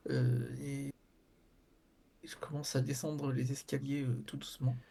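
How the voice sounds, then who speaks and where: A man's voice: mid-range voice, level tone, measured pace, creaky, dark tone. A man playing in a tabletop role-playing game, describing his character's actions hesitantly and repeating words. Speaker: player.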